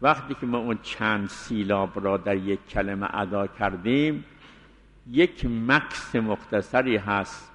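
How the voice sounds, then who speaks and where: A man teaching a seminary jurisprudence lesson, explaining step by step and slowly reciting Arabic phrases as examples. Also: on the low side, fairly bright tone. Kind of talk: jurisprudence lecture. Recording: long hall reverb.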